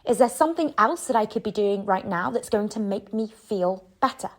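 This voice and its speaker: A woman's voice: mid-range voice, lively intonation, moderate pace. A woman speaking as a self-love coach in a conversational, encouraging way, posing reflective questions directly to the listener.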